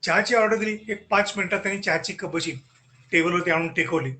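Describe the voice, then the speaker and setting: High, bright-voiced man telling funny stories. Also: a little fast. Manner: animated, acts out dialogue. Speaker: guest speaker at a lecture series. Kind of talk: humorous storytelling lecture.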